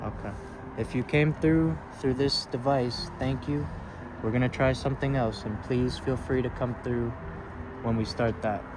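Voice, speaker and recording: A man's voice: medium pitch, steady tone, unhurried. Polite male ghost hunter outdoors, noisy background. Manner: polite, coaxing, addresses the unseen directly. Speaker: paranormal investigator hosting a video. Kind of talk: casual narration and gentle questions to spirits. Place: outdoors at a roadside parking lot grave site. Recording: clear outdoor traffic and ambient noise.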